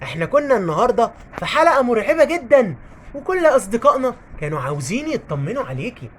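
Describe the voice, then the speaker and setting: A woman with an Egyptian Arabic accent hosting a kids' channel, coaxing viewers in an animated way. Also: a little high, quick pace, slight background noise. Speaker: host of a kids' toy channel. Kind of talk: children's channel call to viewers.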